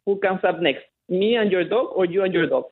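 A man's voice: high-pitched, animated, a little fast, slightly rough. A man with a thick Chilean accent and Spanish as his first language, explaining results casually in an interview over the phone. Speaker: bioinformatician, interview guest. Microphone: phone call. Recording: narrow tinny phone line.

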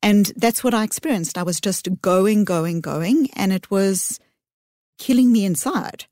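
A middle-aged woman, a psychologist giving earnest, measured interview answers with thoughtful pauses. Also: mid-range voice, darkish tone, dry recording, studio quality. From South Africa. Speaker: psychologist guest.

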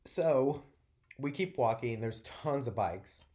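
A man's voice: mid-range voice, slow pace. A man from North Carolina, co-hosting a show and telling a story in casual chat, rambling and swearing freely with lots of fillers. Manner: rambling, profane, animated storytelling with many fillers.

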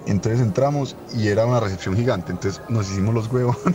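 A young man telling a funny anecdote in a rapid, rambling, amused way. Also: lowish voice, muffled recording, music in the background. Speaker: storyteller. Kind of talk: casual anecdote.

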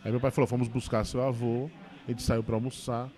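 A man, a stand-up comedian, telling a personal story in a casual interview, with quick emotional restarts. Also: mid-range voice, level tone, dark tone. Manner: fast, emotional retelling with many restarts.

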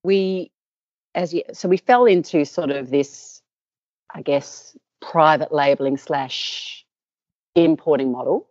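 Middle-aged Australian woman, business founder, low voice, dry dull lo-fi sound, chatty with lots of "um". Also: slow, darkish tone, no room sound. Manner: rambling with many fillers and restarts. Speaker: company co-founder. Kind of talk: interview guest, storytelling.

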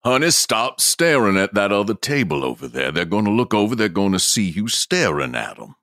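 A man's voice: fairly low pitch, very animated, moderate pace, fairly bright tone, no echo, clean studio sound. A man playing a fussy, reproving parent with a stammering, placating manner, in improvised comedy. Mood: anxious, hushing.

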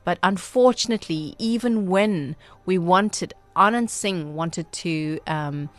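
A woman with a Durban Indian South African accent speaking as a radio interview guest, earnest and measured, with formal, emphatic wording. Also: fairly low pitch. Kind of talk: radio interview, reflective storytelling.

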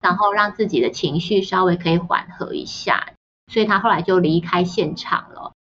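Woman telling lively family stories. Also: lowish voice, normal speed, a little hiss or hum. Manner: lively anecdotes, mimics family members' voices. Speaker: parenting author and podcast guest. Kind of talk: storytelling in a podcast interview. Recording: slightly dull, muffled sound.

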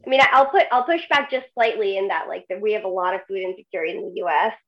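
With the highs cut off, a mid-range female voice talks at a quick pace in a relaxed podcast conversation. She's an agriculture researcher appearing as a guest expert, using lots of fillers and laughing through serious points.

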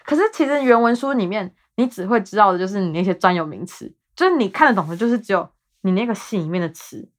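A woman's voice: medium pitch, lively intonation, quick pace. A woman in her twenties with a Taiwanese Mandarin accent, hosting her podcast in a rambling, self-mocking casual chat. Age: 20s. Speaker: podcast host.

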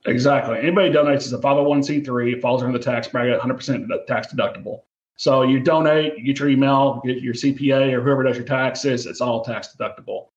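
A man's voice: medium pitch, steady tone, quick pace. Plain-spoken American man, roomy dull recording. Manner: earnest, plain-spoken, folksy. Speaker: interview guest, television gold miner. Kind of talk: casual interview chat. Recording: roomy, dull lo-fi remote sound.

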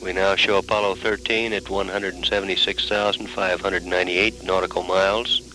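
A man announcing mission status from mission control in a measured, official way, heard over an archival space-mission radio transmission. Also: deep voice, little pitch movement, pushed and bright, a little hiss or hum, low-quality recording. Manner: measured, reads figures precisely.

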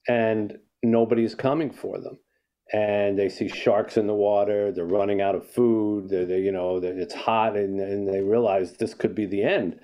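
An older man with a lowish, warm voice is an author guest in a conversational interview. He tells a story and reflects, often restarting his sentences.

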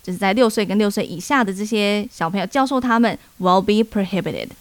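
A young woman with a Taiwanese Mandarin accent co-hosting a podcast, explaining English sentences clearly and joking along. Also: medium pitch, fairly quick, no room sound. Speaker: podcast co-host teaching English. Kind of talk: casual chat with English lessons.

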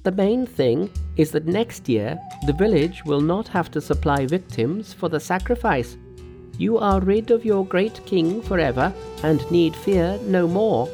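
A male storyteller voicing a bold, fierce male monkey hero who commands and threatens loudly. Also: high-pitched, pitched above the performer's own voice.

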